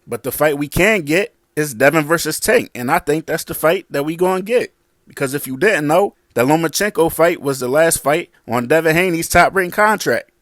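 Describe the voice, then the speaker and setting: A man giving casual boxing commentary, blunt and combative, full of slang. His voice sits a little high, and the sound is close and dry, with almost no room around it. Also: lively intonation, moderate pace, fairly bright tone, dry recording.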